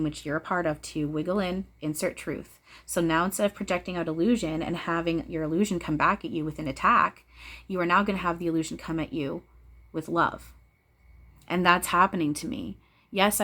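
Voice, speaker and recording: A woman's voice: lowish voice, a bit bright. A woman giving a casual spiritual talk to viewers, blunt and preachy, swearing freely and repeating phrases for emphasis. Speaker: spiritual channeler speaking to viewers.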